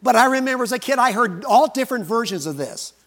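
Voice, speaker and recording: A middle-aged male pastor preaching a sermon with animated, folksy stories. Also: very high voice, fast talker. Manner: animated, folksy storytelling, acts out voices.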